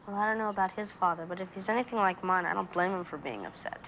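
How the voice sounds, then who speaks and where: A woman's voice: medium pitch, quick pace, close to an everyday voice. A woman playing a sassy, defiant teenage girl with a blunt, wisecracking way of talking in a 1970s TV drama. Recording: muffled, faintly noisy old TV soundtrack.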